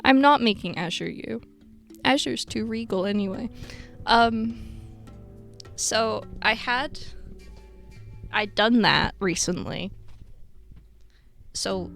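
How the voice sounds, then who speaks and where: A woman's voice: mid-range voice, slow pace, gravelly, long pauses, fairly bright tone, soft background music. A woman streaming live, chatting casually to her chat and teasing herself with frequent giggles.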